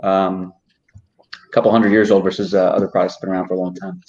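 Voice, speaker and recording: A man's voice: deep voice, flat delivery, fast talker, darkish tone. A man from Armenia, a spirits company founder, talking casually in a live online chat with lots of "you know" fillers. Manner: loose, filler-heavy, "you know" often. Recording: dull lo-fi audio.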